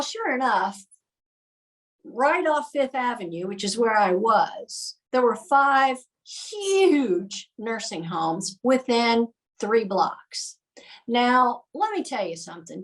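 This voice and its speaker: A woman, a nonprofit founder, telling lively anecdotes in casual conversation with many filler ums. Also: fairly high pitch, a little slow, far from the mic, low-quality recording. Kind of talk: conversational storytelling.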